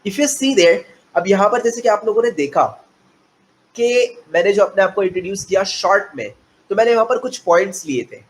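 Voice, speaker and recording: A man from India gives a classroom lecture on spoken English. His voice sits fairly high. He explains in Hindi, drops in English phrases and slows down to spell out letters one by one. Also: expressive.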